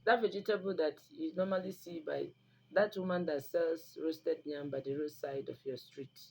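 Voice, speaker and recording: A woman's deep voice comes across gravelly and a little mellow, with a breathy edge. Native in Igbo and speaking with a Nigerian Igbo accent, she hosts an online video dispensing herbal remedy advice, addressing viewers informally and instructively in an emphatic, preachy tone with repeated phrases. The recording is rough, and background noise is noticeable.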